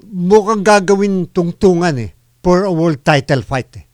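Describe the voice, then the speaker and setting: A Filipino man hosting a radio boxing program, mixing Tagalog and English with frequent filler pauses as he interviews a boxer. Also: high voice, darkish tone, no echo, clean studio sound. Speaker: radio boxing show host.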